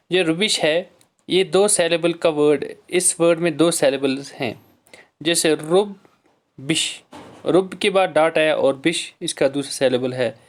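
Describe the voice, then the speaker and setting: A male teacher with a voice on the high side teaches a class about syllables, slowly reading English lines before explaining them in Hindi. He frequently clears his throat and addresses his students as dear children.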